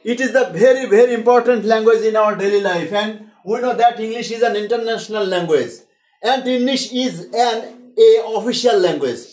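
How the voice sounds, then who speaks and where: A man's voice: high voice, very slow, darkish tone, roomy sound. A man with a Bengali accent teaching English to a class, mixing Bengali and English and drilling students with call-and-response.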